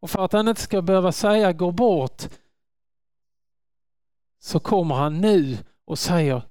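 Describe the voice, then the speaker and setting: A man delivers a sermon in an earnest, emphatic way. His voice sits fairly high and sounds smooth and resonant. The recording is dry and close. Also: expressive, no room sound. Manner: earnest, rising to loud calls on quoted words. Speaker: preacher.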